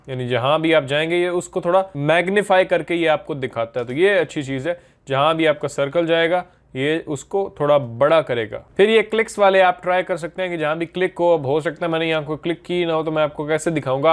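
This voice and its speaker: Man giving a casual software tutorial. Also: fairly high pitch. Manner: step-by-step explaining, casually mixing in English terms. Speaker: video editing instructor. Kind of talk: screen-recorded software tutorial.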